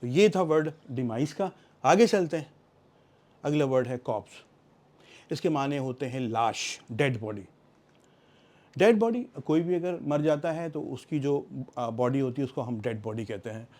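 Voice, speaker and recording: A middle-aged man explaining English vocabulary in a lesson, reading English example sentences slowly and deliberately. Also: mid-range voice, expressive, darkish tone.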